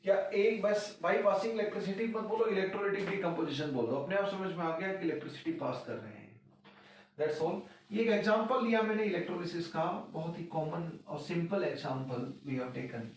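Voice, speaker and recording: An Indian man teaching a chemistry class, slowly dictating definitions word by word. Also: high voice, expressive. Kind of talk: classroom lecture. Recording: very echoey room, voice from far off.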